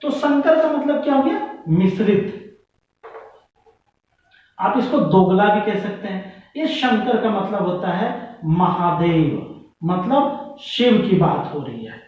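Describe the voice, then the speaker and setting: A man teaching a grammar lesson, repeating words slowly and quizzing his listeners. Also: sits high, expressive. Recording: echoey, distant, dull room sound.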